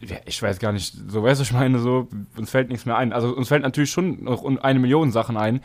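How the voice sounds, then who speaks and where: A young man co-hosting a casual podcast, telling stories in a slangy, animated way with many fillers. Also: mid-range voice, a little fast. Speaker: podcast co-host. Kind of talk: casual chat.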